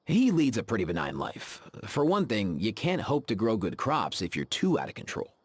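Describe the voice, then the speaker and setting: Ifa, a laid-back vet. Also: male voice, fairly low pitch, huge pitch swings, moderate pace, slight background noise. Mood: easygoing. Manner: easygoing and friendly, with frequent laughs. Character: laid-back young man, a veterinarian who keeps saurians. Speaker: game character. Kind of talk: game voice acting.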